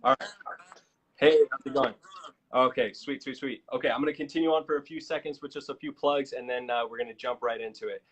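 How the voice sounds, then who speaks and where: A man's voice: mid-range voice, steady tone, brisk, husky, muffled recording. An American man hosting a live online show, making upbeat promotional plugs with frequent fillers. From United States. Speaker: host.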